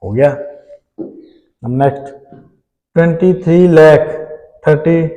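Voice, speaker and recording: A man's voice: on the high side, slow pace, warm tone, muffled recording. Indian man teaching math in a hall. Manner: explains step by step, often checks in with "ठीक है". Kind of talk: classroom math lesson.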